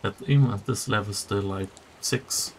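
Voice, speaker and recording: A man giving casual gameplay commentary, haltingly thinking aloud as he goes. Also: on the low side, a little hiss or hum. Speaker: video game player giving commentary.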